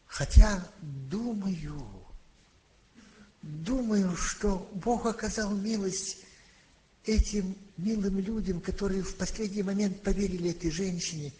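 An older man preaching a sermon, telling a childhood story slowly and with emphasis, and crying out when he quotes scripture. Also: high-pitched, dark tone, poor audio. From Leningrad, Russia. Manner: slow, emphatic storytelling with rising cries when quoting. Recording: faint background hiss, archival tape.

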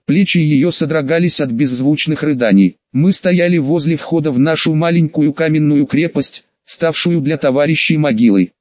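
Guy reading an audiobook in first person, steady, bit high voice, muffled dry sound. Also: no echo. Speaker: audiobook narrator.

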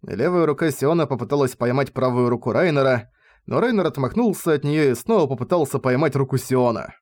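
A man narrating a light novel audiobook in a steady, even reading. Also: mid-range voice, brisk.

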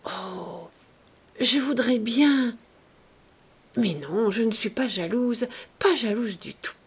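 A languid, petulant society lady nearing thirty, as a woman reads her lines in a storybook reading, weary of every pleasure. Her voice is breathy, slow and swings widely in pitch. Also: expressive, heavily acted. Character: bored, restless young society woman.

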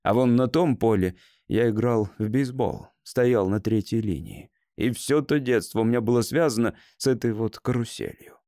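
A man's voice: mid-range voice, moderate pace, few pauses, mellow, no echo, natural voice. Shaken grown man, emotional and pleading, read by a male narrator, dry close sound. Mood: nostalgic. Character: grown man shaken by meeting his childhood self.

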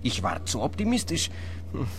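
A man's voice: mid-range voice, huge pitch swings, normal speed, fairly bright tone. A man playing a cold, preoccupied inventor in a radio crime comedy, brusque in his talk. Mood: calculating. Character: cold, self-absorbed male inventor testing a slimming powder.

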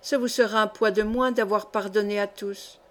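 Woman narrator doing a sweet gentle cousin in an audiobook, soft pleading voice. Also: mid-range voice, fairly even intonation, normal speed, natural voice. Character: tender tearful female cousin.

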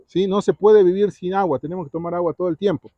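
A man's voice: sits high, fairly even intonation, quick pace. A man giving a Bible talk to preteens at a retreat, often quizzing his listeners and tagging his lines with "¿sí?". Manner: keeps asking the audience questions, tags lines with "¿sí?". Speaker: youth retreat speaker. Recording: dull lo-fi recording.

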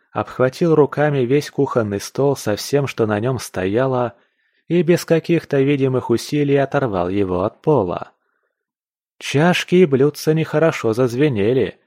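A man narrating a fantasy audiobook in a steady, plain storytelling manner. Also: medium pitch, measured pace, no room sound, clean studio sound. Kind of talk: scripted fiction narration.

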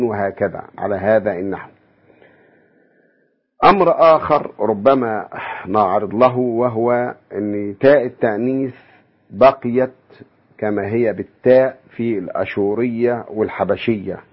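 A man giving an academic lecture, measured and explanatory, posing rhetorical questions to his listeners. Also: lowish voice, breathy edge. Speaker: university lecturer. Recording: dull lo-fi radio broadcast.

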